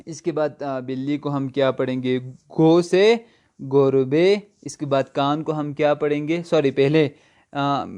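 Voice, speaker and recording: A male language teacher, a native Urdu speaker, slowly drilling vocabulary by asking and answering his own questions. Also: fairly high pitch, mellow, clear, resonant tone. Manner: slow drilling, repeats words with question and answer. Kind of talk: recorded online language lesson.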